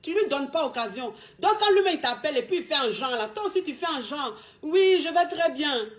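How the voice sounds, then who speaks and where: A woman's voice: high voice, lively intonation, fast. A woman giving relationship advice as a coach, in a casual monologue with emphatic, repetitive street slang.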